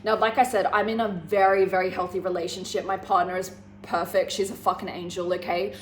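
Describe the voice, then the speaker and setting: A woman's voice: fairly low pitch, flat delivery, a little fast, soft background music. A woman giving casual relationship advice to her viewers, blunt and sweary, often checking in with "okay?" and "guys". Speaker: relationship vlogger. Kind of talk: casual advice monologue to camera. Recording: echoey room with faint background hiss.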